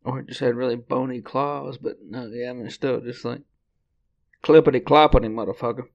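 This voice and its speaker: A man's voice: medium pitch, fairly even intonation, a little fast, creaky, dull audio. Crude, joking podcast co-host man. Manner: jokey and crude, with offhand swearing. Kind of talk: casual podcast chat.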